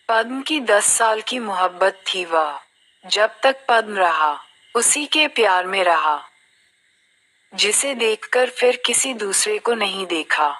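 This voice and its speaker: A woman's voice: mid-range voice, pushed and bright, low-quality recording. A woman narrating a film review in a reflective, storytelling manner.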